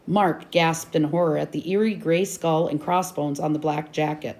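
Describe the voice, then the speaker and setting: Teacher read-aloud: woman, slightly low voice, steady and expressive. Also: normal speed. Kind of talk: chapter book read-aloud.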